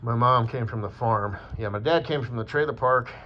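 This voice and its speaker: A man's voice: mid-range voice, moderate pace, a little hiss or hum. A man from Wyoming talking in a rambling, casual monologue, meandering with fillers and swearing. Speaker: vlogger. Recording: dull lo-fi with faint ambience.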